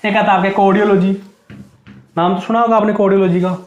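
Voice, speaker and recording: A high-pitched male teacher runs an exam-prep class, firing a question upward and answering it himself on a low note, over and over. His voice rings around a bare, echoey room. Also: flat delivery, quick pace, highs cut off, slight background noise. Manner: drills students with repeated question and answer.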